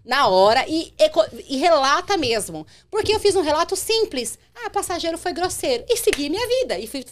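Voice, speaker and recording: Lively young São woman, higher voice. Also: a little fast, hardly any pauses. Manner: animated, acts out quotes in her telling. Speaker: rideshare driver guest. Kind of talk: podcast storytelling.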